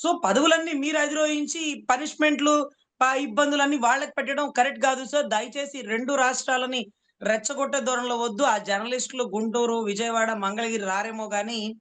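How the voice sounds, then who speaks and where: A woman's voice: fairly high pitch, steady tone, fairly quick, a bit bright. A woman advocate giving heated political commentary, speaking rhetorically and repeatedly addressing her interviewer as "sir". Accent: Telugu.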